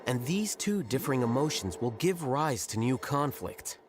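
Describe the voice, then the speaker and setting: An actor playing an aloof young scholar in a game, speaking precisely and unruffled in a matter-of-fact way. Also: male voice, medium pitch, sing-song, moderate pace, heavy background noise, close to an everyday voice. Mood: calm, explaining. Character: coolly logical, aloof young male scholar. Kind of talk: voiced game dialogue.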